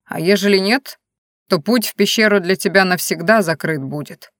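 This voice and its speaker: A woman voicing a chained male bear forest spirit who speaks in curt, flat threats. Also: mid-range voice, moderate pace, no room sound, studio quality, natural voice. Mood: gruff.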